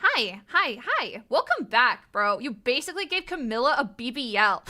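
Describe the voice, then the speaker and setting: A woman livestreamer chatting excitedly with her viewers in a cute, gushing, giggly anime-streamer manner, often repeating herself. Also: on the high side. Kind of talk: excitable livestream chat, thanking subscribers.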